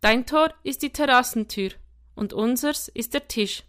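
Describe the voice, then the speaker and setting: A woman voicing an excitable, cheeky young boy in an audiobook, with a shrill, squealing voice. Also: measured pace, clean tone. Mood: cheeky, excited. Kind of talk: audiobook character voice.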